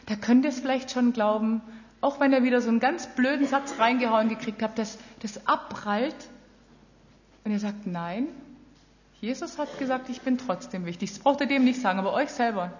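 A woman preaching with a fairly high voice, addressing her listeners earnestly and directly. The recording is muffled and dull, with a long reverb trailing off the walls of a large hall. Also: brisk. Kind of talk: sermon.

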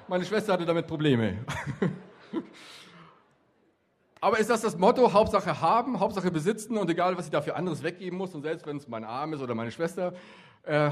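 A middle-aged man who works with youth gives a chatty, joking talk to a young audience and keeps asking them questions. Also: on the high side. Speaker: youth worker speaking at a youth event.

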